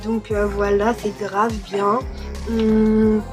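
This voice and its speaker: In a casual home vlog, a young adult YouTuber raised in France after being born in Cameroon chats while doing her nails, pausing often with fillers and restarts. She speaks at a medium pitch in a level, slightly mellow tone, drawing out her words. Her desk mic catches faint music behind her.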